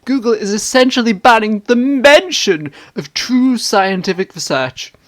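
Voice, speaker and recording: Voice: medium pitch, lively intonation, unhurried, a bit bright, voice pushed up. A performer playing a hammy, indignant stage actor, declaiming internet comments in a grandiose, theatrical way. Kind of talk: dramatic reading of internet comments.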